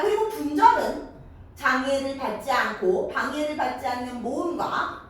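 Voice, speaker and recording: A woman teaching a middle school grammar lesson, lively and coaxing, checking in with her students again and again. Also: high voice, a little hiss or hum. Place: classroom. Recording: echoey classroom, mic far off.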